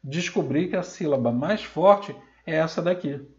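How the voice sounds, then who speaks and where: A Brazilian Portuguese man teaching a recorded grammar lesson, sounding out example words slowly and loudly. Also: fairly high pitch, muffled recording.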